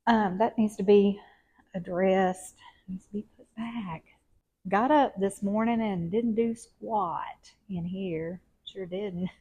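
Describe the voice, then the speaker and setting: A woman's voice: mid-range voice, darkish tone. Chatty woman in her fifties. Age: 50s. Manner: chatty, rambling, folksy, addresses viewers as y'all. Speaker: lifestyle vlogger. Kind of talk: casual home vlog chat. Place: her home, indoors. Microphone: wired clip-on mic.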